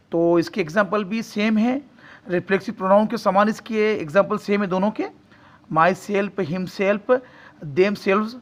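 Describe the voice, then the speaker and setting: Guy teacher with a highish voice going over grammar, keeps asking then answering himself, on the bits. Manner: repeats points, asks and answers his own questions. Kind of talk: grammar lesson explaining English in Hindi.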